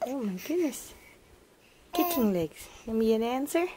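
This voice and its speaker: A woman's voice: a little high, animated, moderate pace, mellow. A young mother doing sing-song baby talk to her infant and laughing often. She is filming at home with a handheld camera, and her voice is still coming back after she lost it. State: voice recovering from loss. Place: indoors at home. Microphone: handheld camera close up. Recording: noisy home video.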